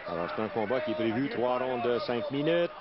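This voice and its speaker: A man's voice: medium pitch, lively intonation, brisk. A man with a Quebec French accent giving colourful, exclamatory live fight commentary as play-by-play man. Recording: dull broadcast sound, loud music behind.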